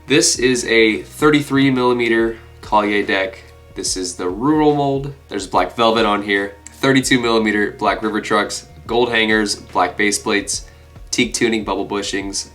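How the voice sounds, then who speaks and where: Stuffed up with a cold, a twenty-something man talks to the camera in a relaxed way, his fairly low voice carrying a touch of brightness. He comes across as a creator presenting his collection, with guitar music in the background of the small, furnished indoor room.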